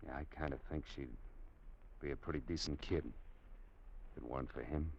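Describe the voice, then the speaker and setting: An actor playing a tough young gunslinger who also narrates, clipped and wry, in an old radio drama. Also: male voice, extremely low pitch, fairly even intonation, fairly quick, creaky, darkish tone, husky, heavily acted. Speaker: narrator and lead. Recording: dull old radio recording.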